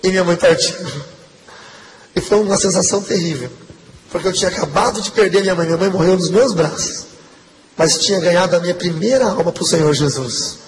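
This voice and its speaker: A man's voice: high-pitched, fairly quick. A man giving an earnest, emotional testimony sermon to a congregation. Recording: long hall reverb, faint background noise.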